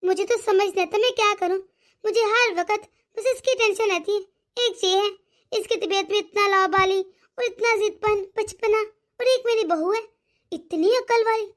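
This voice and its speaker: Brief: woman doing a fussing cartoon mother-in-law, older, soft and coaxing, very high pitch. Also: moderate pace. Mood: fretful. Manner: soft-spoken, worried, coaxing. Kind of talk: animated cartoon voice acting.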